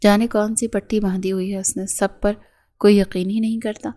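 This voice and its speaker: A woman voicing an anxious, lovesick young wife with a soft, pleading way of speaking. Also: medium pitch, level tone, natural voice. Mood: upset.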